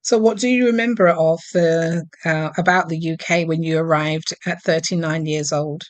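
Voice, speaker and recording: A woman hosting an interview podcast, speaking in a measured, formal manner. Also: low-pitched, fairly even intonation. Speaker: podcast host.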